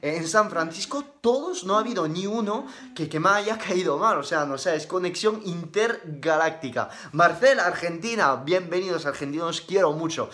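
Spanish guy doing a live q&a, slangy and upbeat, kinda high bright voice. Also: expressive, normal speed, hardly any pauses. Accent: Spain Spanish. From Madrid, Spain. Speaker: fitness live-stream host. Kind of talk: casual live-stream Q&A.

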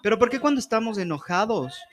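A high-voiced man co-hosts a casual podcast chat. He talks in a joking, colloquial way and keeps putting questions to the guest. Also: big pitch swings, fast, slight background noise.

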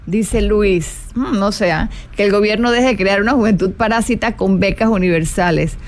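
Speaking at a moderate pace in a mid-range voice, a middle-aged woman chats casually on a live stream about happiness. Animated and full of rhetorical questions and repetitions, she greets her viewers and reads out what they comment.

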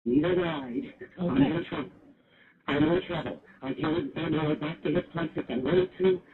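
A man's voice: a little high, normal speed. A man's mumbled voice from a played-back recording, repeating short phrases. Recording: tinny phone-like playback with faint noise.

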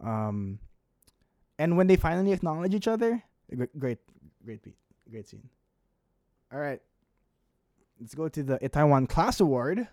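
Co-host, man in his twenties, mellow tone, dry close sound, upbeat and laughing easily. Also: on the high side, sing-song, a little slow, pauses often, no room sound. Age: 20s. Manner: easygoing, laughs often, upbeat. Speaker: podcast co-host. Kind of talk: casual chat reviewing a drama.

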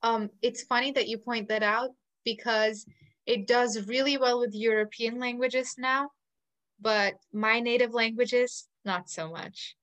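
A woman's voice: on the high side, steady tone, unhurried, a bit bright. A woman from India, asking thoughtful questions in a casual discussion.

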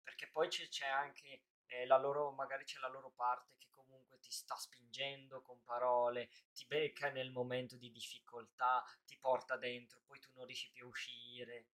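A man's voice: mid-range voice, little pitch movement, moderate pace, few pauses, a bit bright. A man in casual live-stream talk, thinking aloud in long rambling answers full of restarts.

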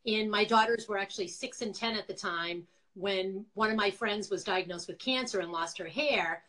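A middle-aged woman from Quincy, Massachusetts, who once founded a nonprofit, tells her story casually and at length as an interview guest, in a Boston accent, on an indoor video call. Her mid-range voice is bright and forceful at normal speed, and the recording is rough.

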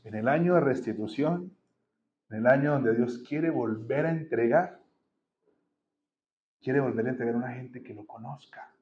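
A man's voice: mid-range voice, normal speed, long pauses, highs cut off, a little hiss or hum. A man preaching a sermon in a church, blunt and colloquial with strong emphasis. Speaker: pastor. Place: church hall.

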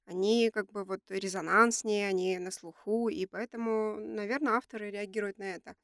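A woman co-hosting a conversational podcast sounds nasal and stuffy from a cold as she discusses prepared facts. Her mid-range voice is steady and a bit bright, at a normal speed, in a dry, clean studio recording.

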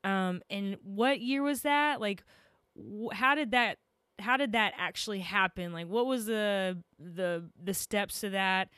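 Woman, texan accent, podcast co-host, slow speech, smooth clear voice, dry sound. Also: mid-range voice, fairly bright tone, dry recording. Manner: rambling questions, apologetic. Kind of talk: casual interview questions.

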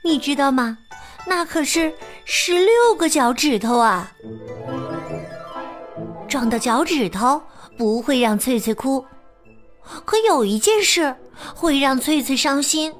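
A woman narrating a children's story in an expressive, playful way. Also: high voice, slow pace, faint music behind.

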